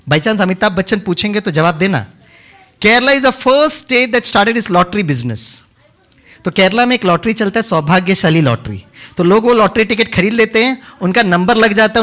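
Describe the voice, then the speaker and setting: A man's voice: high-pitched, expressive, normal speed, a bit bright. A man leading a session for children at a summer camp, teaching playfully and coaxing the kids in a teasing way, speaking into a handheld mic. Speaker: kids' camp session leader. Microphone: handheld microphone.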